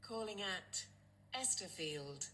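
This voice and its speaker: A woman's voice: mid-range voice, animated, slow, background noise. A woman's recorded train announcements, built from spliced-together words read out as a list of stops. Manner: clipped, evenly paced list of stops. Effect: spliced-together words, stitched from separate recordings.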